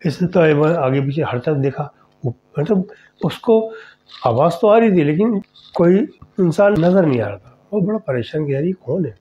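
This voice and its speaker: A man's voice: fairly high pitch, expressive, dark tone, a little hiss or hum. A man hosting a podcast, telling a horror story in a conversational way and speaking directly to his listeners. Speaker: storyteller host. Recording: dull lo-fi recording.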